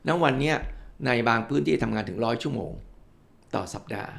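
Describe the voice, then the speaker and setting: An older man speaking as an expert guest, his voice deeply gravelly and fried throughout. He talks at a brisk, quick clip, laying out his points through step-by-step examples and turning politely to the audience. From Thailand. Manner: explains with worked examples, politely addresses listeners. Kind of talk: explanatory interview talk.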